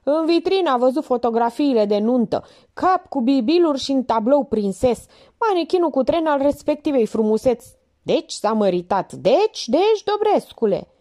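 Woman reading as a bossy storybook policewoman, loud and scolding, high and animated. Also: heavily acted. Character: bossy sharp-tongued woman police officer.

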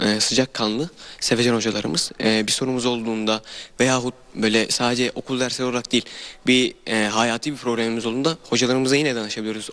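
A teenage boy, a high school student, answering interview questions politely and with some hesitation. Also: a bit bright. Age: teens.

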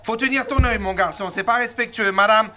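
A man's voice: high-pitched, a little fast, bright, forceful tone. A man voicing a brusque, harried middle-aged female hospital receptionist who snaps at callers mid-sentence, in a radio comedy sketch. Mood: bossy.

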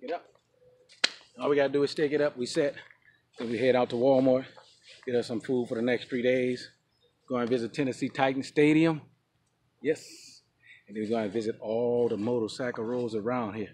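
A man's voice: medium pitch, steady tone, normal speed, pauses often, a little mellow. A middle-aged man chatting casually and upbeat for a travel vlog, filmed on a handheld camera at arm's length at a campground and in a shop. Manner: easygoing, upbeat, plain-spoken. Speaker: vlogger on a motorcycle road trip. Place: campground outdoors and a motorcycle shop. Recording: clear outdoor background noise.

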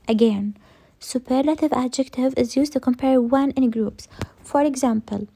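A woman's voice: sits high, gravelly, warm tone, breathy edge. A woman teaching English grammar in a recorded lesson, repeating each rule and answering her own questions.

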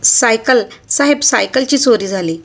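A woman's voice: on the high side, expressive, measured pace. A woman voicing a poor, timid widowed mother who pleads with the police.

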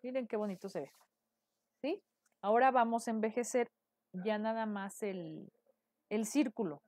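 A woman's voice: a little high, a little slow, darkish tone, dry recording, studio quality. A woman with a Mexican accent, a decorative painting teacher, chatting through a live painting tutorial and checking in with her viewers often. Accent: Mexican Spanish.

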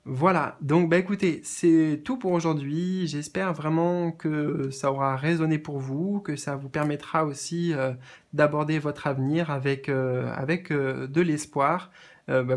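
A man giving a spiritual card reading to his viewers, speaking gently and hesitantly with many fillers and repeated words. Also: on the high side. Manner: gentle, addresses viewers as friends. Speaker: tarot card reader.

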